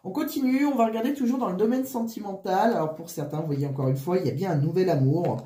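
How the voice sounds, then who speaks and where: Battling the flu, a woman reads tarot cards informally, her breath wheezy and short as she stumbles and begins phrases over again. She has a lowish, dark-toned voice, recorded in a roomy-sounding space.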